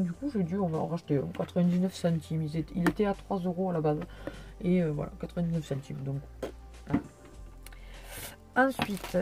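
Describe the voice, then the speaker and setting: A tired young woman chatting through a casual haul video, rambling and hesitant with many fillers. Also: on the low side. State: tired, yawning. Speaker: vlogger.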